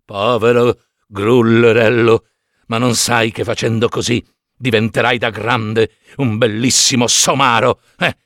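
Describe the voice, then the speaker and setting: A man's voice: mid-range voice, level tone, fairly bright tone, no room sound, studio quality, pitched below the performer's own voice. A man voicing a patient, moralizing old male cricket who chirps as he speaks. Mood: lecturing. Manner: slow moralizing, chirps cri cri.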